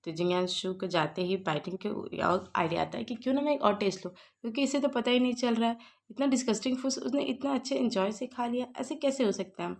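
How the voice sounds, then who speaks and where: A woman's voice: fairly high pitch, fast, darkish tone. A woman casually recapping a story in a chatty way, dropping English words into her speech. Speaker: story explainer.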